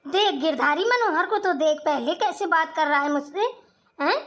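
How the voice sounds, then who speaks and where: A woman voicing an angry, proud old village mother-in-law in a Hindi cartoon, scolding her sons in a sharp-tongued way. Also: very high-pitched, expressive, moderate pace.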